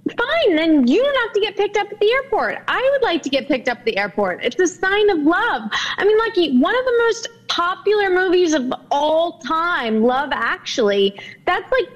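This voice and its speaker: A woman's voice: extremely high pitch, sing-song, normal speed, dull audio. A woman appearing as the host's sister who argues her side in a teasing, spirited way. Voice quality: teasing and argumentative. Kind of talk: TV talk show banter.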